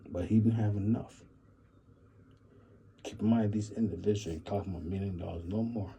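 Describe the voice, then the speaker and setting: A man's voice: on the low side, fairly even intonation, fairly quick, gravelly, mellow, a little hiss or hum, poor audio. A man hosting his own channel, rambling through a half-joking solo commentary and repeating himself with musing asides. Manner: repetitive, musing, keeps saying "imagine that". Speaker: channel host.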